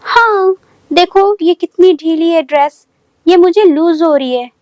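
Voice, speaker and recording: A woman's voice: very high-pitched, measured pace, a little mellow, no echo, dull audio, pitched above the performer's own voice. A woman voicing a confused young woman friend who keeps asking puzzled, protesting questions in a comic skit.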